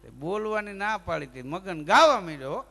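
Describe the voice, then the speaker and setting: A man telling comic folk stories, animated and mimicking characters with stammers and snatches of song. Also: sits high, moderate pace, creaky, long reverb tail. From Gujarat, India. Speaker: folk storyteller and humorist.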